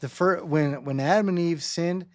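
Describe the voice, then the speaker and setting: Hosting a casual theological discussion, a man with a slightly high voice thinks aloud in halting, rambling phrases. He often checks in with rhetorical questions.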